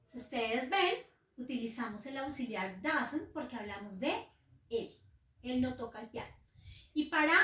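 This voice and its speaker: A woman's voice: sits high, a bit bright, recorded from a distance. A woman teacher explaining English grammar patiently to young pupils. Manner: slow, patient explaining, addresses pupils as children. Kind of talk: recorded classroom lesson. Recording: roomy echo, voice set back from the mic.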